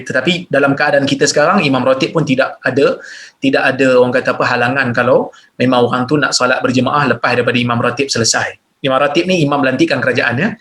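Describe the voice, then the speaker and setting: Reading out questions sent in by listeners, this Malaysian Malay-accented man gives plain explanations in a religious Q&A lecture, with sudden upward pitch jumps for emphasis. His voice is a bit bright.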